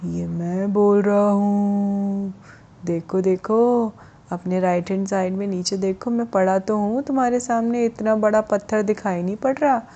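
A woman voicing a calm, slow-talking stone rock in a children's story. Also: muffled recording, close to an everyday voice. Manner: slow, low, deliberate.

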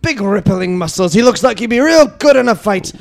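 A man's voice: sits high, lively intonation, fairly quick, creaky. A man voicing a boastful, feisty old male hare pilot who rambles about his glory days.

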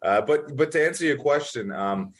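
Fast and animated, a young podcast guest born in Italy tells stories in a casual interview, leaning on fillers and acted-out quotes. His voice sits on the high side and sounds husky.

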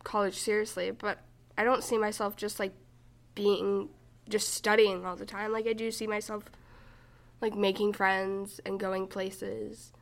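A woman's voice: medium pitch, little pitch movement, unhurried, gravelly. A teenage girl teasing her friend in a casual chat. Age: teens. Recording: faint background noise.

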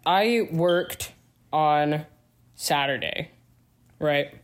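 A man co-hosting a podcast, telling work stories in a wry, deadpan way during casual chat. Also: a little high, very slow. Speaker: podcast co-host.

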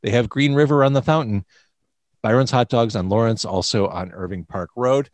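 Male podcast host, medium pitch, conversational and wordy, recorded dry with no room sound. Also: normal speed, dry recording. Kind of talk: casual hosting and interview talk.

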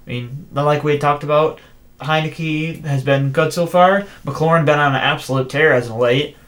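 A man co-hosting a casual sports podcast, giving his picks and stats in a measured, analytical way. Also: on the high side, fairly even intonation, a bit bright. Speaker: podcast co-host.

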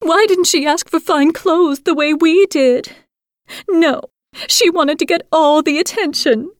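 A woman voicing spiteful jealous sisters in a storybook reading, high and scornful. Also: unhurried, no echo, clean studio sound. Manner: scornful, accusing. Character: shrill spiteful older sisters, young women.

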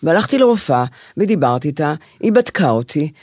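A woman's voice: deep voice, very animated, darkish tone, no room sound, clean studio sound. A woman co-hosting a podcast, telling a personal story in a theatrical, mock-dramatic way. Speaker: podcast co-host. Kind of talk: casual chat, comic storytelling.

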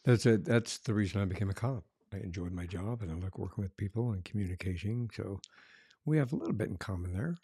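A man with a low, mellow voice hosts a casual interview. he rambles a bit, restarting his sentences and chuckling as he goes. the sound is dry and close, with no room echo. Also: animated, fast talker, husky. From Colorado. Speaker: podcast host, former police officer. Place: Arizona.

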